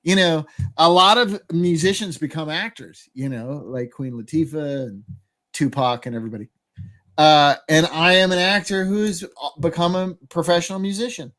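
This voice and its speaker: A man's voice: fairly high pitch, normal speed, fairly bright tone. A man co-hosting a podcast in casual chat, rambling with lots of fillers and frequent laughter. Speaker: podcast co-host.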